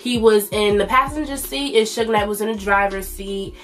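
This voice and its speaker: A woman's voice: medium pitch, steady tone, normal speed, a bit bright, faint music behind. A woman in her twenties with a stuffy, nasal voice, chatting loosely as a vlog host with plenty of fillers. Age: 20s. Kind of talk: casual commentary.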